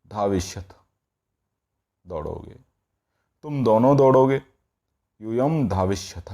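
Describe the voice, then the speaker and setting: Speaking in a dark-toned, mid-range voice, a man works through Sanskrit grammar like a patient classroom teacher. He goes over each form slowly and repeatedly, frequently pausing to say "all right."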